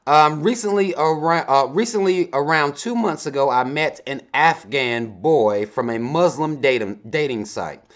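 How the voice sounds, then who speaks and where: A man's voice: fairly high pitch, animated, a little slow, few pauses. A man in his thirties hosting a casual advice vlog, reading viewer emails aloud and adding blunt, laid-back commentary with a lot of swearing. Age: 30s. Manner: adds commentary between lines he reads out. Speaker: advice vlogger.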